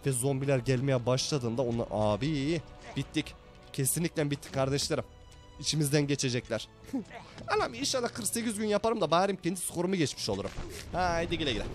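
A young man commentating his gameplay for viewers, animated and chatty, his voice hoarse from being sick. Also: a little high. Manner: animated, talks to viewers as brothers. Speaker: gaming YouTuber.

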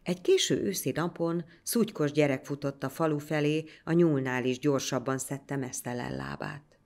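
A woman narrating a folk legend in a measured, scripted storytelling manner. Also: low voice, darkish tone.

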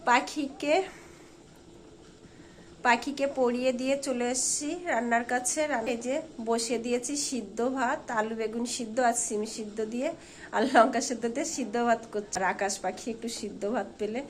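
Hoarse woman chatting in a home vlog. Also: fairly high pitch, fairly even intonation, fairly quick, slight background noise. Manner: chatty, keeps checking in with viewers. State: hoarse with a fever. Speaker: home vlogger and mother. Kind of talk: casual home cooking vlog. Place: at home indoors.

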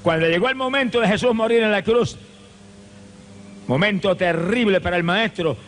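A male evangelist preaching a fervent revival sermon, with impassioned repeated cadences and bursts of shouted praise. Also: sits high, moderate pace, slight background noise. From Puerto Rico.

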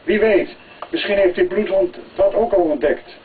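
Brief: male reader doing older crime boss in a storybook reading, bossy and loud, heard from off-mic with light hiss. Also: high-pitched, normal speed, pitched above the performer's own voice, natural voice. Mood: commanding. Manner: loud, shouting commands. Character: scheming older male drug-gang boss. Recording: tinny phone-like, distant, faint hiss.

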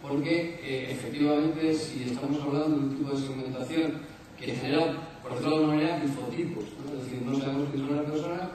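A man's voice: a little high, steady tone, fast talker. A man in his forties with an accent from Spain argues as an expert on a panel, in long, carefully qualified sentences. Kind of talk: unscripted panel discussion. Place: conference stage, large indoor hall. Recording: very echoey hall, distant mic, crowd.

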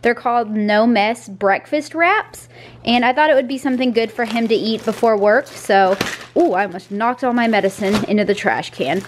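A woman's voice: a little high, moderate pace, slight background noise. A woman, chatting upbeat to a handheld camera in her kitchen and car, and cooing to her dogs. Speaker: vlogger. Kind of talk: casual vlog talk to camera. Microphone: handheld camera at arm's length.

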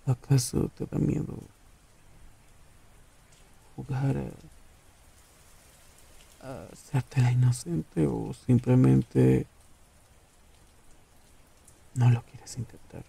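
A man acts out a possessive young serial killer for an ASMR roleplay, taunting his lover with slow contempt. The voice is very dark and deeply gravelly, with a husky edge. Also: steady tone, heavily acted. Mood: scornful. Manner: taunting, condescending, drawn-out.

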